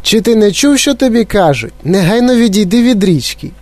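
A man's voice: lively intonation, a little fast, darkish tone, no echo. A man voicing a frantic, scolding mother who shrieks for help in a storybook reading. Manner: shrill, panicky, scolding. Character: frantic shrieking mother, plump middle-aged woman.

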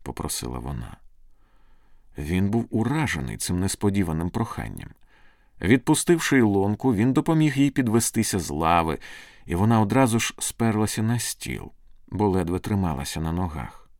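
A man narrating a storybook in a scripted, expressive, dramatic reading. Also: low-pitched, normal speed, no room sound, studio quality.

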